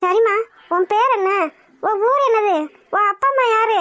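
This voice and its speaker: Anxious cartoon housewife, motherly and fussing, voiced by a woman; very high pitch, dry. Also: moderate pace, a bit bright, dry recording. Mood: worried, caring. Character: caring middle-aged village housewife, anxious. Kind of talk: cartoon voice acting.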